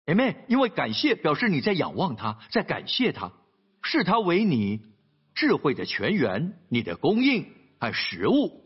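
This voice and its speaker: A male pastor delivers a sermon in an animated storytelling style, with frequent rhetorical asides to his listeners. His voice is high, husky and very lively in pitch. The sound is dull and lo-fi, like a radio broadcast. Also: moderate pace.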